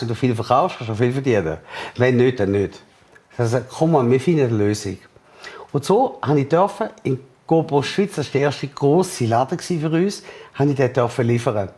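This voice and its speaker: A man with a Swiss German accent, an entrepreneur in an interview, telling a story with energy and acting out the dialogue. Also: medium pitch. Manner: lively, acts out the other people's lines in quoted dialogue.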